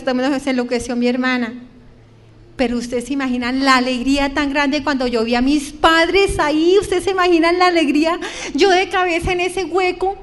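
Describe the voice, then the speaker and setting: A middle-aged woman shares an emotional religious testimony with an audience, slowing down and drawing out her words as her voice breaks. Her voice sits high.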